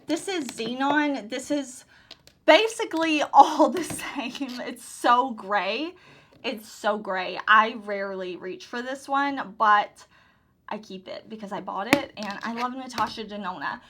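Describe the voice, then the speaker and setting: A beauty YouTuber, hoarse while recovering her lost voice, gives a casual overview of her makeup collection, gushing enthusiastically and repeating favorite phrases. Her voice is fairly high, unhurried and sharp in tone, with a little hiss or hum in the recording.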